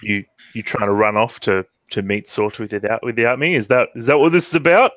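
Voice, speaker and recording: Man putting on a big booming jealous brute. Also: fairly even intonation, fairly quick, no room sound, lightly acted. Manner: loud and needy, apologetic.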